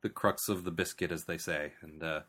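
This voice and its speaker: A man co-hosts a relaxed podcast conversation, cracking jokes and laughing often. His voice sits on the low side but comes across bright and forceful. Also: brisk. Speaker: podcast co-host. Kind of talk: casual podcast chat.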